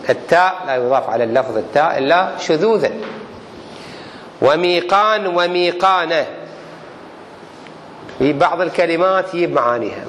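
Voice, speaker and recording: A man teaching a grammar class as a religious teacher, explaining slowly and deliberately with examples. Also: a little high. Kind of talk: classroom lesson on Arabic grammar. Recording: reverberant hall, faint background noise.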